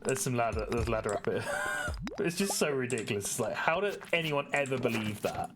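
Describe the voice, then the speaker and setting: A man's voice: medium pitch, lively intonation, brisk, background noise. Chatty man playing a game. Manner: chatty, dry sarcastic jokes. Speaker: gaming video host. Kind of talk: casual co-op gameplay chat. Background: game music.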